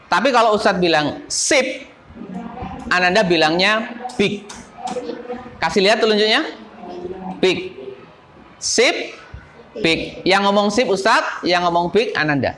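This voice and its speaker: A man teaching a school class, leading it through word games and lively call-and-response chants. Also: sits high, unhurried, long pauses.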